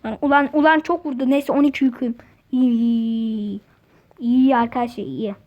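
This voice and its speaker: A woman giving excitable, slangy commentary while playing a mobile game, often repeating words in chants. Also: fairly high pitch, moderate pace, lo-fi sound. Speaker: gaming channel host.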